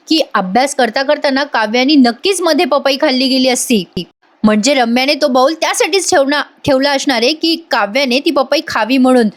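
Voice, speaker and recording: A quick-tempered young husband from a TV drama, read aloud by a woman argues his case and will not back down. The voice stays a fairly high, everyday female voice with no change in timbre. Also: lightly acted.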